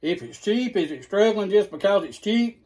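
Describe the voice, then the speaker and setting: A man's voice: high-pitched, animated, normal speed, a little mellow. A man hosting a casual cooking video in a home kitchen, folksy and chatty, talking straight to his viewers. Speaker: cooking channel host.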